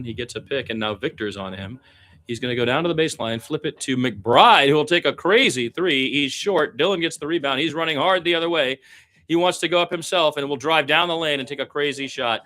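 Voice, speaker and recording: Calling a basketball game live on radio, a man mixes running play-by-play with opinionated asides in a conversational way. His medium-pitched voice sounds pushed and bright.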